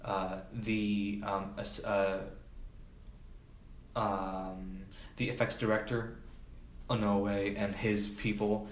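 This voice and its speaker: With a low, fairly flat voice, this podcast guest, a film production assistant, talks slowly and leaves long pauses. His speech is casual, informal and hesitant, full of fillers. Echo and background noise fill the recording.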